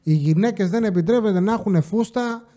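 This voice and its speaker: A man's voice: high-pitched, warm tone. A man casually telling stories from his security job, swearing freely and acting out the people he quotes with exasperation. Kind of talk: casual storytelling monologue.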